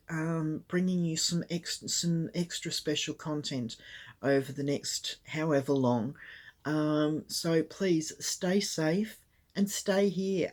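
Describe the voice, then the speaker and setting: An older woman with a croaky voice, chatting casually to camera as a craft channel host, rambling with lots of ums, recorded on a tablet. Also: on the low side, darkish tone. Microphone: tablet camera mic.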